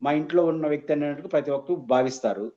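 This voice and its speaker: A man's voice: fairly high pitch, quick pace, dark tone, lo-fi sound. A man, a political analyst, giving emphatic and argumentative commentary as a guest in an interview.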